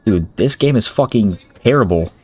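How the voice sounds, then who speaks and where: A man's voice: lowish voice, expressive, normal speed, a little mellow, slightly rough. A man giving blunt, swearing let's-play commentary and nervous asides as a gaming streamer.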